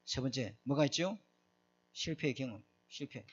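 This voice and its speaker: A man's voice: medium pitch, animated, moderate pace, a bit bright, husky. A middle-aged man preaching a sermon, emphatic and often asking his congregation questions. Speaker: pastor. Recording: dull lo-fi recording.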